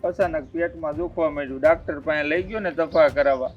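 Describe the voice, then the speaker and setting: A whining, self-pitying poor man, played by an actor speaks with a slightly raised pitch. The recording sounds dull and muffled, with faint music underneath. He pleads in a rural family drama. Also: fast, natural voice. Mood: pleading. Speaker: relative asking for money.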